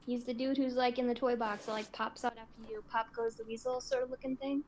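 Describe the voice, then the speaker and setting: A woman's voice: on the high side, little pitch movement, brisk, darkish tone, slight background noise, rough recording. A woman on a casual podcast, animatedly joking and speculating about game characters. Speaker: podcast co-host. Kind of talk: casual chat.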